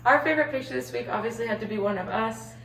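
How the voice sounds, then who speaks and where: A teenage girl co-hosting a student news segment, briskly reading scripted captions. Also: on the high side, vocal fry, a bit bright. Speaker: segment co-host. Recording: echoey room, distant mic, faint noise.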